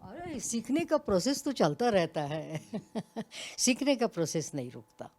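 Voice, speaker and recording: An older woman, a retired college principal, talks reflectively and unhurriedly as an interview guest in a mid-range voice with big pitch swings. She explains her points with small examples and laughs softly now and then.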